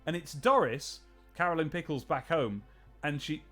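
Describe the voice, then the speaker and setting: Late in the day, a man streams a video game in casual live-stream chat, sleepy yet chatty, laughing and retelling old TV scenes with put-on quotes. His voice is fairly high, bright and forceful at a moderate pace, over soft background music.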